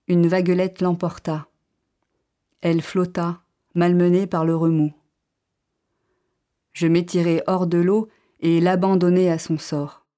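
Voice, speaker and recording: Woman reading a story aloud, really slow and unhurried, a bit low. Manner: slow, calm, measured first-person reading. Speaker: narrator. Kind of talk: literary audiobook reading.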